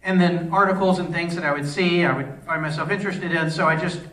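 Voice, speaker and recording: A film director answering audience questions at a festival Q&A, rambling, restarting sentences and using many fillers. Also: male voice, a little high, fairly even intonation, a little fast, fairly bright tone. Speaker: film director at a post-screening Q&A. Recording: echoey hall, voice from far off.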